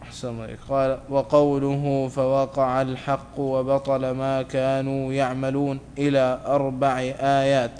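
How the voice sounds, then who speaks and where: A student with a mid-range voice reads a classical religious text aloud to his teacher, carefully going word by word. His recitation is flat and measured, staying on one note with almost no rise or fall, while faint noise runs behind him.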